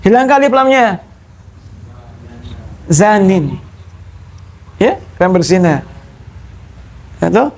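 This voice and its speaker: A man's voice: high-pitched, big pitch swings, slow, pauses often, darkish tone. A man teaching a classroom grammar lesson, explaining step by step and often checking that his students understand. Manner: explains step by step, repeating key terms. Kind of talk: classroom lecture.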